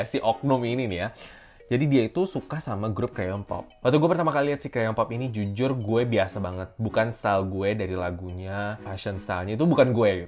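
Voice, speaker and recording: A young man from Indonesia telling fan stories in a chatty vlog, often calling out to his viewers. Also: lowish voice. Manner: chatty, addresses viewers as "guys". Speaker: vlogger. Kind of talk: casual storytelling to camera.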